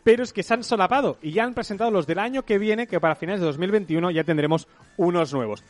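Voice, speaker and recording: Talking quickly in a voice that sits high, this podcast co-host loosely chats his way through lengthy explanations of tech news.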